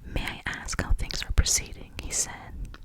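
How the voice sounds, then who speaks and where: An ASMR reader whispers a detective novel very close to the listener. The voice is fully unvoiced, soft and breathy, often slipping toward inaudible. The narration stays hushed and murmured throughout. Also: measured pace.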